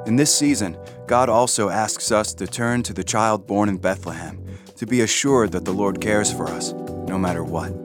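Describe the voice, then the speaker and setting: Devotional reader, male, low and steady, dry studio sound with soft music. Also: normal speed. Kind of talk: scripted devotional reading.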